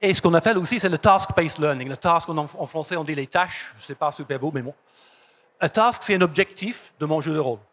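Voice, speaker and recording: A London man with an English accent, speaking a language that isn't his first, delivers a lively, brisk presentation in a conference hall. His pitch runs somewhat raised, and he repeats key phrases to drive them home.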